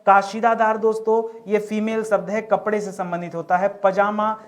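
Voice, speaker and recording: Male teacher, higher-pitched voice, exam-prep grammar lesson, repeats questions and slows down on key words. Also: little pitch movement. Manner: repeats questions back to the viewers, calling them friends.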